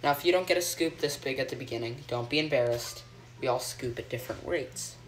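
A teenage boy hosts a joking mock cooking show in his home kitchen, filmed on a phone held by a friend. His mid-range voice is brisk and deadpan as he rambles through mock instructions, dropping plenty of ums. The phone audio is noisy and hissy.

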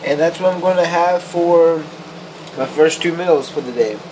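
A young man talks through his cooking on a handheld camera in his kitchen, easygoing and plain-spoken, with a fair number of ums and uhs. His voice sits a little high for a man. The audio is noisy, with a steady appliance hum behind him. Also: normal speed. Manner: relaxed, matter-of-fact, uses fillers. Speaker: vlogger. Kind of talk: casual cooking vlog. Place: home kitchen indoors, then a car. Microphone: handheld camera close, at times set down.

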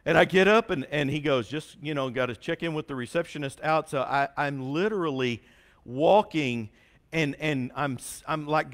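A man, a pastor telling a self-mocking story in his sermon. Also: medium pitch. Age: 40s. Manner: animated, self-mocking storyteller with a folksy drawl. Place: church sanctuary.

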